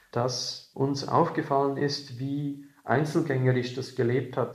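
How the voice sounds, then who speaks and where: A man's voice: medium pitch, dark tone. A man explaining things freely as a researcher being interviewed, recorded in an echoing room. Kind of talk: unscripted explanatory interview talk.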